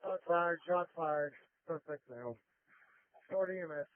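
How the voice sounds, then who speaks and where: A man's voice: a little high, measured pace. A male police officer making urgent, clipped calls over police radio traffic. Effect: police radio transmission. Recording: tinny police radio with faint music.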